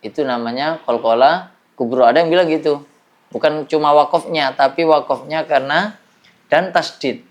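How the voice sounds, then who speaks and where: A man's voice: on the high side, moderate pace, muffled recording. A man teaching a classroom lesson on Quran recitation, explaining patiently and drilling examples.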